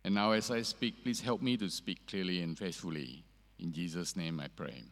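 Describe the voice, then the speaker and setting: A man preaching a sermon as pastor, earnest and measured, pausing on fillers, his voice ringing with a long cathedral-like echo. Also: deep voice. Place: church sanctuary. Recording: echoey church hall reverb.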